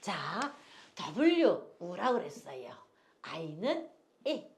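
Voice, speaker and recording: A woman's voice: fairly low pitch, sing-song, very slow. An older woman teaching an English phonics lesson, patiently repeating each word for learners to echo and drifting into homely stories.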